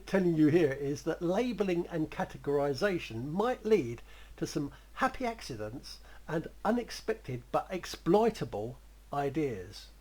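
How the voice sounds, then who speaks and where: A man talks through a creative writing exercise in a loose, rambling way and chuckles as he goes. His voice is husky and sits fairly high for a man. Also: darkish tone, low-quality recording. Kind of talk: spoken writing lesson.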